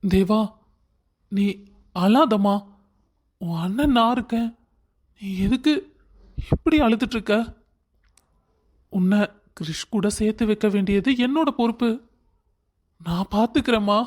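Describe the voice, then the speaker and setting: A man voicing a protective, reassuring older brother in a cartoon story, firm and steady. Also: high-pitched, measured pace, pauses often. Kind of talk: cartoon voice acting.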